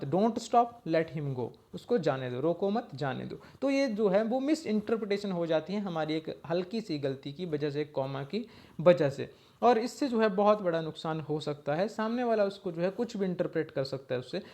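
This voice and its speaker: A man's voice: sits high, darkish tone. A man explaining an exam-prep lesson step by step, often checking in with a short "okay" and reading slide lines out in English. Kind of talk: slide-based lecture.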